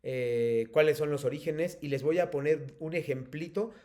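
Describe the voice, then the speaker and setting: Mexican man, teacher, mellow warm tone, patient explaining, video call mic. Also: fairly high pitch, normal speed. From State of Mexico. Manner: patient, explanatory, many fillers. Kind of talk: online class lecture.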